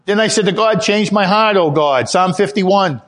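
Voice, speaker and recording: Guy preaching a sermon, fairly high voice, earnest testimony style, gets louder on the big points. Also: moderate pace. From Italian heritage. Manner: earnest testimony, rises in pitch when emphatic.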